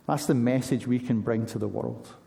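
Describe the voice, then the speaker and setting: A man's voice: mid-range voice, moderate pace, vocal fry, warm tone. A man preaching a sermon in an earnest, conversational way, asking his listeners pointed questions.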